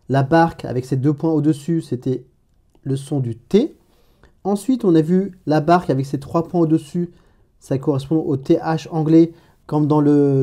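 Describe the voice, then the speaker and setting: Guy with a super dark mellow voice doing a chill online language lesson, talks to you directly, lots of uhs and restarts. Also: on the high side. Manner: informal, hesitant with many restarts and fillers; addresses the learner directly as "tu". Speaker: Arabic teacher.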